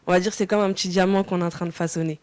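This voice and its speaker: A woman's voice: lowish voice, fairly even intonation, racing, a little mellow, clean tone, no echo. A young woman from France, a singer answering interview questions casually, hesitant with many fillers and restarts.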